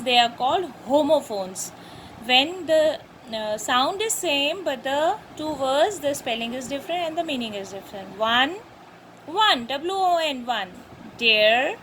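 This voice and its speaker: A woman teaching a lesson to young children, slowly repeating and spelling out words. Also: sits high, a little hiss or hum, low-quality recording.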